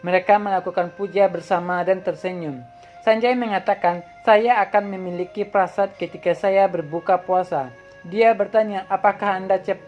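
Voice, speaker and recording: A woman reading a drama plot synopsis aloud as a channel host, in a plain even way that sometimes stumbles and restarts words. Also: mid-range voice. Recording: dull lo-fi audio with faint background music.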